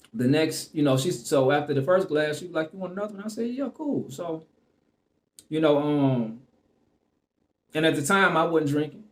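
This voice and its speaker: A man at an ordinary mid pitch talks straight to camera, telling a personal story in a casual, rambling way. He leans on fillers and restarts his sentences, and he trails off often. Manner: loose and rambling, full of "you know what I'm saying" and fillers.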